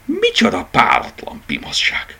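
A man's voice: fairly low pitch, a bit bright, pitched above the performer's own voice. A man voicing a grumpy plush dachshund who growls and scolds, in a children's storybook reading. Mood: grumbling. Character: grumpy plush dachshund toy guard, male.

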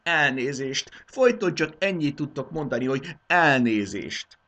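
Guy doing a high wailing fussy king, loud and husky, storybook voice. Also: big pitch swings, exaggerated voice. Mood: anguished. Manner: high-pitched, wailing, theatrical. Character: anguished fussy king, shrill and overwrought.

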